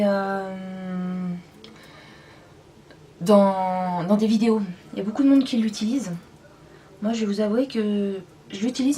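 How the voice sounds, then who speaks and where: A woman talks through a makeup review at home in a chatty, rambling, self-deprecating way. Her voice is mellow and sits a little back from the camera mic. A faint hiss runs underneath. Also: medium pitch. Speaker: beauty vlogger. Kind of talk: casual makeup review and swatching. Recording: voice a bit far from the mic.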